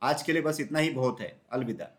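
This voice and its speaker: Storybook crow, male, fussy and loud, played by the reader, nervous and bossy. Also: medium pitch, expressive, fairly quick, lightly acted. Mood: agitated. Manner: loud, shouting and scolding.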